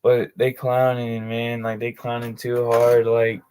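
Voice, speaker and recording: A man's voice: medium pitch, monotone, unhurried, a little mellow, slight background noise. A man streaming his tabletop game sessions, chatting casually in laid-back slang with many fillers. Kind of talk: casual livestream chat.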